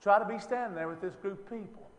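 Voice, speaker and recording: A man's voice: sits high, quick pace, long reverb tail. Chatty man teaching a Bible class. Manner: conversational, many rhetorical questions and fillers. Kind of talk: informal Bible lesson.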